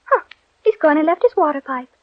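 A woman with a high voice and lively intonation speaks a little fast, with no echo, playing a polite young girl wondering aloud to herself. This is 1940s radio acting, heard on a dull old broadcast recording.

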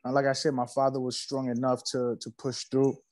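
A man's voice: medium pitch, monotone, brisk, a little mellow, no echo, poor audio. A man from Haiti, a musician guest, talking casually in an interview, laid-back and slangy, often repeating himself.

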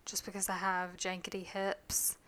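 A woman in her thirties hosting a podcast, chatty and quick to laugh. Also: medium pitch, monotone, pushed and bright, smooth. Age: 30s. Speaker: podcast host. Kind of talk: casual chat.

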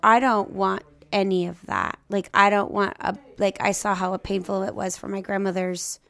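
Soft-spoken wry woman co-host. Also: mid-range voice, little pitch movement, normal speed, gravelly. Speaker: podcast co-host. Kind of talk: casual chat.

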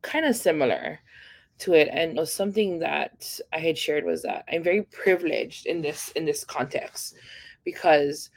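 A woman's voice: low-pitched, normal speed, no room sound. A woman from Hawaii, speaking earnestly as a podcast guest and stressing her points through repetition. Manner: earnest, emphatic, repeats key points. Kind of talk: casual podcast conversation.

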